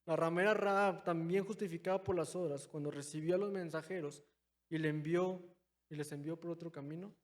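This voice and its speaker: A young man preaching a sermon in a church, calling his listeners brothers and moving between loud, stressed phrases and quiet, low asides. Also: steady tone, fairly quick. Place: church hall. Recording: long hall reverb.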